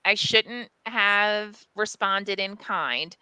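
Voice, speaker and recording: A woman editor at a small press, telling a story in casual podcast chat, animated, frank and sprinkled with fillers and swearing. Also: medium pitch, drawn-out words, smooth, no echo, rough recording.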